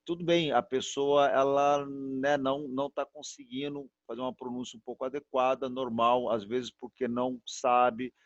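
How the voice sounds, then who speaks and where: A Brazilian man teaches an online class at a middle pitch, repeating words patiently and drawing each one out to show how it sounds. His voice comes through a dull, muffled video-call line with no room echo at all. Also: little pitch movement. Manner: patient, repetitive, drawn-out demonstrations. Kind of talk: online class pronunciation lesson.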